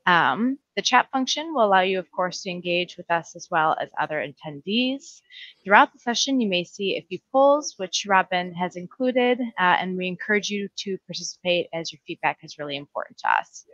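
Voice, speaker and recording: A woman's voice: on the low side, animated, normal speed, fairly bright tone, no room sound, highs cut off. A woman hosting a webinar, reading housekeeping notes and a speaker introduction with some fillers. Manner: reads announcements with fillers. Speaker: webinar host. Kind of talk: scripted introduction.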